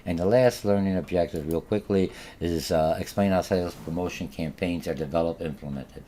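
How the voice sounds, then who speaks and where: Slight background noise accompanies a man's low-pitched, mellow voice, which moves a little fast. He has a Polish accent and Polish as his first language, and he rambles through a recorded college marketing lecture with many fillers and restarts.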